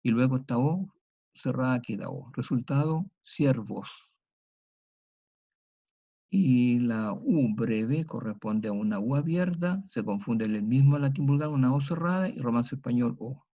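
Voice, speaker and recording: Methodical male lecturer, dark voice. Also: medium pitch, lively intonation, lo-fi sound. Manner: methodical, repeats each example slowly. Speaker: teacher. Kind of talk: university lecture.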